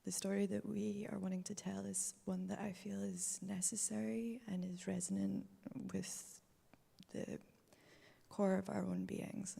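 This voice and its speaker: A woman filmmaker introducing herself on a panel, speaking softly and partly in a whisper. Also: medium pitch, gravelly, husky. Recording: long hall reverb.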